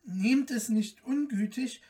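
A reader voicing a lonely, sad enchanted owl princess in a storybook tale, speaking softly and slowly. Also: medium pitch, recorded from a distance, pitched above the performer's own voice, close to an everyday voice. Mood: hushed. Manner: soft and subdued, slow and mournful.

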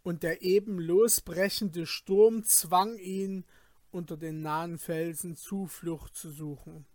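Slow, high-voiced male storyteller. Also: steady tone, darkish tone, no echo, clean studio sound. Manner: measured, dramatic storytelling. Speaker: narrator. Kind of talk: scripted audiobook narration.

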